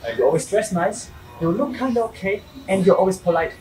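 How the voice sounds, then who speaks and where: A man's voice: high voice, lively intonation, brisk, a little mellow, soft background music. Rambling German man, far from mic. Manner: chatty, rambling, laughs often. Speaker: podcast host. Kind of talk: casual interview chat.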